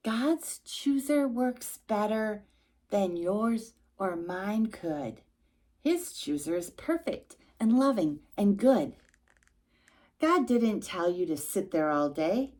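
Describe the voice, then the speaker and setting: For a young child, a woman hosts storytime by reading a rhyming picture book aloud, taking it slowly at a medium pitch. She is expressive and emphatic and makes little asides to her listener.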